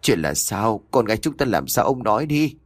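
Frightened old mother, anxious, tearful, lively pitch, read by a man. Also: normal speed, no room sound.

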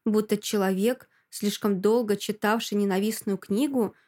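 A woman narrating a first-person story in an expressive audiobook reading. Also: medium pitch, moderate pace.

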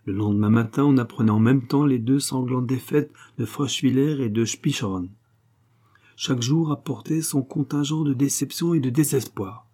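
A man reads a classic novel aloud as an audiobook narrator. His voice is husky and dark, and his delivery is measured and literary. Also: medium pitch. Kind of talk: scripted narration.

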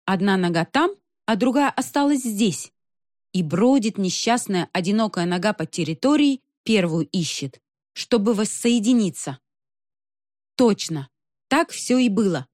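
Expressive woman reading an ironic story. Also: medium pitch, a little slow, no room sound, studio quality. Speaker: narrator. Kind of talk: first-person story reading.

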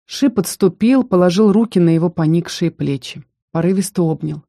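An audiobook narrator reads a fantasy novel in an even, measured voice with a mellow, soft tone. The recording is close and dry, with no room sound. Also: mid-range voice, creaky, no room sound. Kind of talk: scripted narration.

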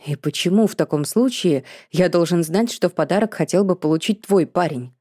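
A woman's voice: lowish voice, warm tone, no room sound, natural voice. A woman voicing a dry, sarcastic young man. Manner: dry, teasing, unhurried. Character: sarcastic, laid-back young man, a best friend.

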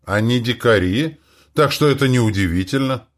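A man reading a first-person science fiction audiobook with animated storytelling. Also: mid-range voice, normal speed. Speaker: audiobook reader.

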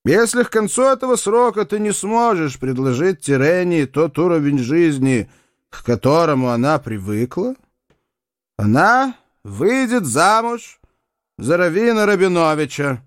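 A stern, pompous older doctor lays down terms slowly and deliberately, voiced by the male narrator. His pitch lifts and drops for emphasis, and the sound is close and dry. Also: expressive, dry recording. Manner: pompous, measured.

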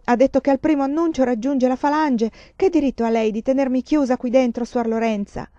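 A woman reading a storybook voices a desperate young foreign student who pleads and shouts to be let out. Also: a little high, a little slow, dry recording, lo-fi sound. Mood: frantic.

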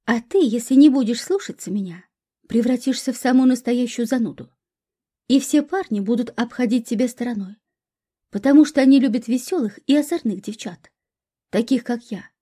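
A woman's voice: on the high side, moderate pace, dark tone, slightly rough. A woman voicing a carefree young female student who coaxes and pleads with her friend. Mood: coaxing. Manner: pleading, playful, coaxing.

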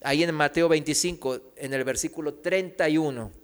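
High, bright-voiced preacher in a reverberant hall. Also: male voice, moderate pace, clear, resonant tone. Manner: asks the congregation rhetorical questions and answers them; reads scripture aloud, raising his voice for quoted cries. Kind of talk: sermon teaching.

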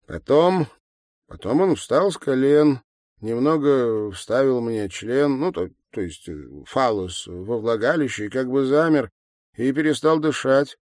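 A man reading an audiobook, voicing a tall, composed woman who answers flatly and haltingly. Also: medium pitch, dry recording, clean studio sound, pitched above the performer's own voice, lightly acted. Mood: recounting.

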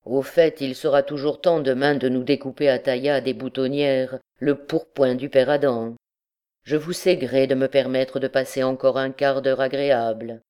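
A woman's voice: extremely low pitch, fairly even intonation, normal speed, warm tone, clear, resonant tone. Lady doing a cocky hotheaded young captain, brash and joking, audiobook. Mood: jaunty. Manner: brash, flippant, boastful. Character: swaggering, hot-tempered young male army captain.

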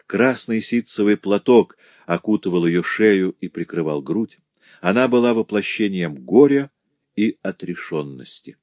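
A man reading a classic novel aloud as narrator, measured and even. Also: sits low, no echo. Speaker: audiobook narrator. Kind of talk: scripted literary narration.

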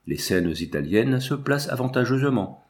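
A man reading the part of an earnest, proud young painter in a storybook, sincere and measured. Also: mid-range voice, very animated. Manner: earnest, then cold and stiff.

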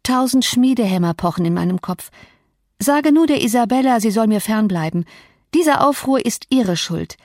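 A woman putting on a fiery young woman, imperious, cutting, raised pitch, dry close sound, audiobook. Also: lively intonation, moderate pace, a little mellow, no room sound, lightly acted. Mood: agitated. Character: proud, fiery young woman, scornful and volatile. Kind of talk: audiobook character reading.

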